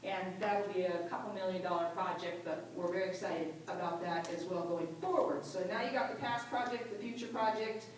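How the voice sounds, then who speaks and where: A woman giving a quick, rambling conference presentation about a regional development project. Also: on the low side, slight background noise. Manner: fast, rambling delivery with fillers. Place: large echoey conference room. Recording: very echoey hall, voice from far off.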